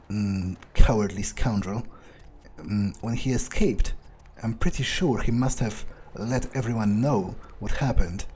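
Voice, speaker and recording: A lowish, slightly mellow male voice comes through with a little hiss or hum. The man is in character for a game playthrough as a jaded, cocky vampire outcast, musing aloud in a hesitant, sweary mutter.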